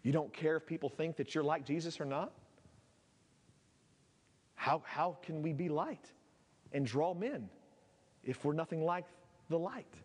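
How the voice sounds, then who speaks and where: A man's voice: on the high side, a little slow, pauses often, darkish tone, husky, big-room sound. A man preaching a sermon as pastor in his church, impassioned and repetitive, building to fervent peaks. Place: church sanctuary.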